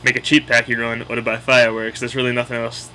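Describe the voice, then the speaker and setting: A man's voice: mid-range voice, monotone, fast, pushed and bright, slight background noise, poor audio. A man with a Boston accent casually explaining local slang in a blunt, opinionated, sweary way. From Boston area, United States.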